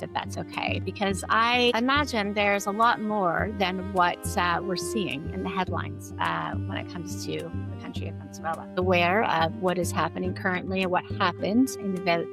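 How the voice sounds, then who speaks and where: Woman host opening a podcast interview. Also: on the low side. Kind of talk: interviewing a guest.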